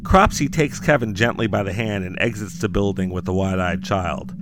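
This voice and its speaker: Man narrating suspensefully over clear noise. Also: low-pitched, moderate pace. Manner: scripted, dramatic second-person storytelling with dry humour. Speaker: podcast host and storyteller. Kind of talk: suspenseful narration of a scary story, like a crime show narrator.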